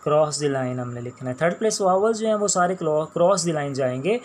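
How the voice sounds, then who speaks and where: A man with a Pakistani accent teaching a shorthand class, explaining each sound slowly and repeating words as he writes them out. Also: fairly high pitch, lively intonation, darkish tone, slight background noise. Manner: slow, patient, repeats each sound and word. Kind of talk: classroom lecture while writing on a board.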